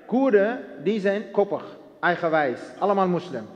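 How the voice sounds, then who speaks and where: Man with a high voice. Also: expressive, normal speed, dull audio. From Iraq. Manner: earnest storytelling in broken Dutch, acting out dialogue. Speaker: guest giving testimony. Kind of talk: personal testimony interview. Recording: long hall reverb.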